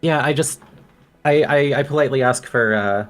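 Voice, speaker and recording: A man casually improvising as a tabletop player, haltingly feeling out each action. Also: medium pitch, fairly bright tone, faint music behind. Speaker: tabletop role-playing player. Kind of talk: casual improvised game chat.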